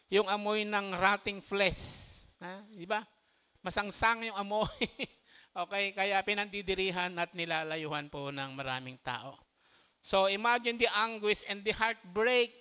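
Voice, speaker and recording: A man's voice: high-pitched, bright, forceful tone, clear, resonant tone. A man with a Filipino accent preaching a sermon in church, mixing in English and chuckling between his phrases. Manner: switches between Tagalog and English, often says "ayan" and "okay".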